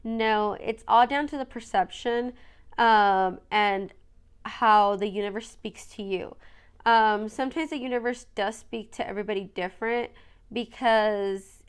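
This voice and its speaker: Here a young woman runs her own podcast, chatting casually and wandering off topic with lots of fillers and "you guys." She has a stuffy nose from allergies and a smooth, medium-pitched voice at a measured pace.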